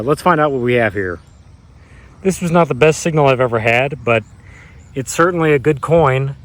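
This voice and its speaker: With a mid-range, fairly bright tone, a treasure hunter in his thirties narrates his casual vlog, talking directly to viewers and marveling at what his metal detector turns up. The outdoor recording, in grass and woods, is noisy with insects and vehicles.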